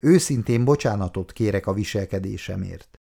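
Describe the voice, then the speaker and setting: A man's voice: lowish voice, creaky, dark tone, breathy edge. Earnest young soldier in love, voiced by the male narrator, plain voice, a bit defensive. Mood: apologetic.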